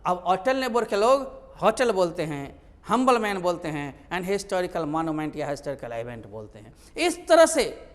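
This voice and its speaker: A man's voice: sits high, fairly bright tone, big-room sound. A male teacher, explaining English grammar in a lecture. He asks his own questions and answers them.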